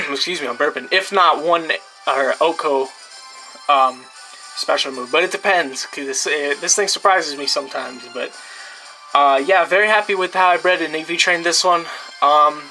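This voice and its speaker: Bright-voiced young man rambling casually. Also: on the high side, normal speed, faint music behind, low-quality recording. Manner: rambling, many fillers and restarts. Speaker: gameplay video creator. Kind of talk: casual team showcase.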